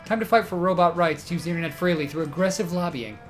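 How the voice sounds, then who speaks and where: A literal-minded robot voiced by a man for a tabletop game. He speaks in stilted, formal phrases with pedantic deadpan, over faint background music. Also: a little high, quick pace, lightly acted. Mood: stilted pedantry. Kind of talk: in-character tabletop game role-play.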